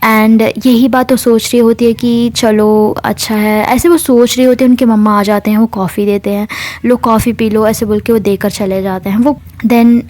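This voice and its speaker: A woman's voice: a little high, level tone, normal speed, a little mellow. A woman telling a love story in a casual, chatty way, mixing in English words. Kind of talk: casual spoken story narration.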